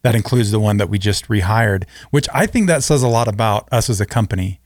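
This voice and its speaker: A man's voice: on the low side, lively intonation, brisk, no echo, studio quality. A man co-hosting a podcast, talking casually and teasing his host in a laid-back way.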